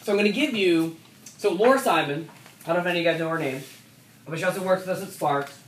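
Low-voiced woman rowing coach in an echoey room. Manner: conversational, many restarts and "so"s, brisk stretches. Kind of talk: rowing coach giving an instructional talk. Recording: echoey room, mic at a distance, faint background noise.

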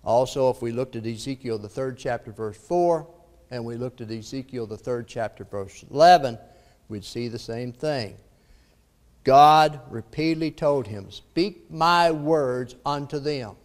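A man's voice: medium pitch, normal speed, a little mellow. A male preacher gives a Bible lesson in a church, reading scripture aloud with rising emphasis. He then explains the passages in a plain teaching voice, with an occasional "uh" between thoughts. His mid-range voice rings with the long reverb of the hall. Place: church auditorium.

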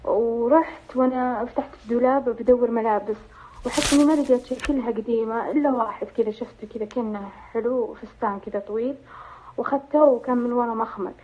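A woman's voice: a little high, steady tone, quick pace, mellow, a little hiss or hum. A woman calling in by phone, telling a dream in a rambling way with many fillers. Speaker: caller. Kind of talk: phone call recounting a dream. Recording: tinny phone line.

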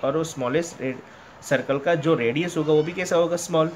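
Male primary math teacher, slightly high voice, patient call-and-answer drilling, faint noise floor. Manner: repeats questions and answers them himself, addresses pupils as beta; reads textbook lines out slowly in English. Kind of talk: classroom lesson explanation.

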